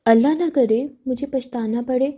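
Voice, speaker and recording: A woman's voice: sits high, fairly even intonation, warm tone, husky. Playful young woman, read by a woman. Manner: playful, slightly fearful.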